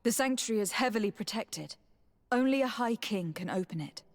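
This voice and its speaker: In a video game, an actress voices a young noblewoman serving as a diplomat, composed and dutiful. Her delivery is measured, earnest and formal, set a little high with lively intonation.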